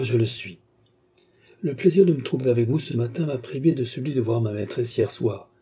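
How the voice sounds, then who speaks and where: A man's voice: mid-range voice, mellow, slightly rough, natural voice. A man voicing a phlegmatic English baronet, speaking in a polished, formal and courteous way.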